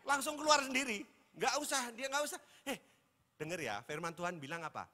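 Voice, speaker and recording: A man, a pastor preaching an animated, joking sermon that keeps quizzing the congregation. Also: very high-pitched, brisk. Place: church hall. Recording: echoey church hall.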